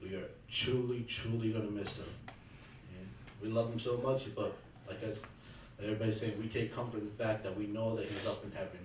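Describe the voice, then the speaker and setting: A man speaking at a memorial in earnest, halting sentences with many restarts, remembering his late father-in-law. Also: fairly low pitch, fairly even intonation. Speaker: eulogy speaker, son-in-law. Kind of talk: personal remembrance speech. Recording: echoey room, distant mic, faint background hum.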